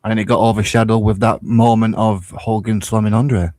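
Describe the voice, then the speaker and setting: A man in his early thirties, chatting about food and wrestling in a relaxed, easygoing way on a podcast. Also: fairly low pitch, brisk, no echo. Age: 30s. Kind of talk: casual chat.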